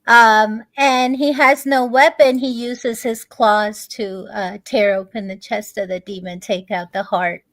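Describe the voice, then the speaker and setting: A woman, a guest in a conversation, telling a long story in a halting way, pausing on many fillers and restarts. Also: a little high, steady tone, a bit bright, dry recording.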